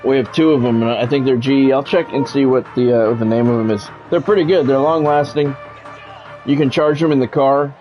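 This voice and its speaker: A middle-aged man streams a football game, giving live play-by-play commentary mixed with casual chat in a blunt, profane, conversational way. His medium-pitched voice moves fairly quickly over soft background music, and the recording is muffled.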